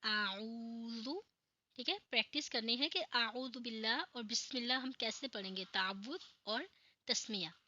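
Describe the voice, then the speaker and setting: A woman teaching the Arabic letters, drawing each sound out slowly and then explaining in quick asides. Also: a little high, pushed and bright, dull audio. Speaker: Quran reading teacher. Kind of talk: slow drilled recitation lesson.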